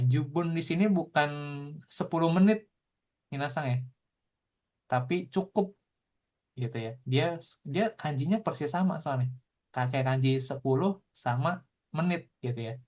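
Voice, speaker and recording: A man explains vocabulary to his class in an easygoing, repetitive manner. He keeps returning to the same tag phrases as he goes. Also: mid-range voice. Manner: relaxed, repeats tag phrases while explaining. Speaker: Japanese language teacher.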